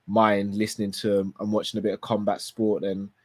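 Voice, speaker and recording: A man hosting a football watchalong livestream, his voice croaky and tired, thanking viewers in a relaxed, rambling way. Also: fairly low pitch, fairly quick, no echo. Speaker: host. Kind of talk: casual livestream sign-off.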